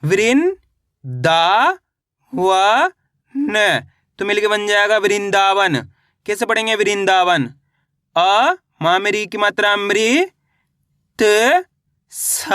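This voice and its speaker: A man with a high, bright voice teaches reading, sounding out each syllable slowly and then joining them. He asks the same question again and again and answers it himself. The recording is dry and close, with no room sound. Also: clean tone, dry recording. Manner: slow syllable-by-syllable spelling with repeated call-and-answer prompts. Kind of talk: scripted phonics lesson.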